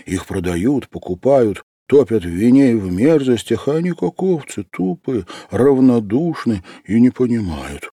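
A man's voice: medium pitch, sing-song, measured pace, hardly any pauses, dark tone, no echo, studio quality, pitched above the performer's own voice. A man voicing the anguished inner thoughts of a troubled young male student. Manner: brooding inner voice.

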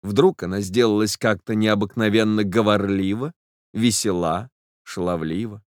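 A man's voice: lowish voice, steady tone, moderate pace, no room sound, studio quality. A man narrating a literary audiobook in the first person, in a reflective, emotional way.

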